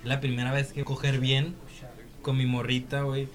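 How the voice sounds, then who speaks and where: A man's voice: medium pitch, monotone, moderate pace, crowd noise. A young man with a Mexican accent, joking and telling a story in slangy chat. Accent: Mexican Spanish. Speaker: podcast co-host.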